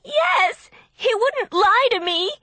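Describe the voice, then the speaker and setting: A woman narrator voices a naive young bride-to-be, speaking high and tearfully with lively intonation at a moderate pace. Angry and insistent, the character pleads and defends herself with stubborn emotion. The storybook recording is close and dry, with no room sound.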